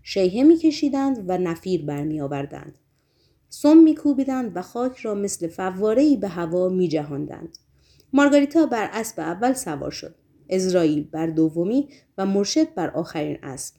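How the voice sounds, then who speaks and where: A woman reads a novel aloud as an audiobook, her pacing steady and measured. Her tone is mellow and warm, and it drops softer through the descriptive passages. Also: fairly low pitch. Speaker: narrator.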